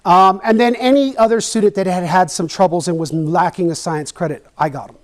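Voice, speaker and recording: Earnest high-voiced male presenter. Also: a little fast. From Texas. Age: middle-aged. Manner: earnest, emotional, repeats phrases for emphasis. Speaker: educator and presenter. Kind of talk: personal storytelling presentation.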